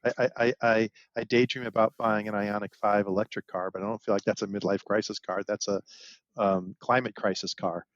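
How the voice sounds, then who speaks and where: A man's voice: on the low side, level tone, brisk, dry recording. Man, 40s, podcast co-host, casual chat, joking asides, dull dry recording.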